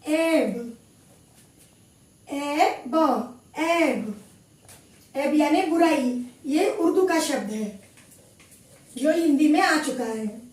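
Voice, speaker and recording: A woman Hindi teacher giving a slow classroom lesson, repeating each word clearly as she spells out sounds. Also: high voice, a little mellow, recorded from a distance. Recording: echoey room, voice from afar.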